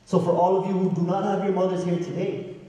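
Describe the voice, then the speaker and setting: A man's voice: high-pitched, little pitch movement, quick pace, warm tone. A man from Guyana preaching a sermon to a congregation, asking them questions and chanting Sanskrit verses. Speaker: pandit preaching. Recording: echoey hall, heard from far off.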